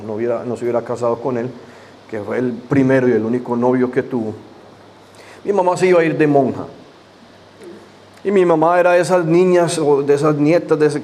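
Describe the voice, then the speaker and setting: This pastor's mid-range voice is a little mellow, and a faint hiss or hum runs through the audio. He begins his sermon with impassioned prayer and repeated invocations before relaxing into a conversational personal testimony.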